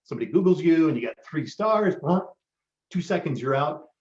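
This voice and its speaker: A man's voice: a little high, animated, moderate pace, a little mellow. A man hosting a live online marketing workshop, giving a motivational pep talk with frequent ums. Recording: roomy, dull lo-fi sound.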